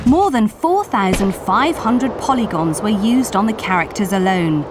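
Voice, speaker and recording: A woman's voice: mid-range voice, lively intonation, moderate pace. A woman reading scripted promotional narration in a polished, enthusiastic presenting manner. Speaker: video game newsreel narrator. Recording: music bed behind the voice.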